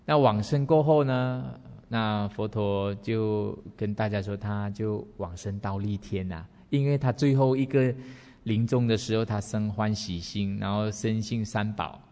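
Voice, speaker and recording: Low-voiced man telling a dharma story. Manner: relaxed, unhurried, with many sentence-final particles. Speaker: Buddhist teacher. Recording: reverberant hall.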